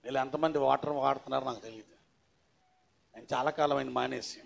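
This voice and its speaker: A pastor preaching a sermon, quizzing his congregation with questions and swinging between raised, declaiming passages and low, conversational asides. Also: fairly even intonation, quick pace, gravelly.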